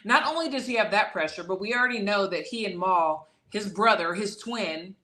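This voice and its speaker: A woman's voice: mid-range voice, animated, normal speed, pushed and bright, reverberant. Emphatic woman breaking down a boxing matchup. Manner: emphatic, repeats key phrases. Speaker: boxing trainer and guest analyst. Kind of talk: casual boxing analysis.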